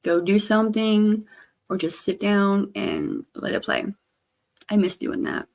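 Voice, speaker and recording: A woman livestreamer chatting casually in a halting, rambling way, her speech slightly slurred by missing front teeth. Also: mid-range voice, wildly swooping pitch, vocal fry, darkish tone. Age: adult, grown past teens. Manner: halting, trailing off with repeated stammered starts.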